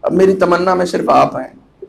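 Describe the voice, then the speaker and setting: Over crowd noise, a man with a high voice and vocal fry preaches a passionate Muharram majlis sermon as a cleric, chanting Arabic phrases slowly before rising to loud cries.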